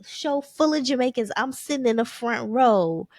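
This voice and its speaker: A woman co-hosting a podcast, telling stories in a casual, animated way with relaxed slang. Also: on the high side, moderate pace, no room sound. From Caribbean family descent. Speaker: podcast co-host. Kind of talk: casual chat.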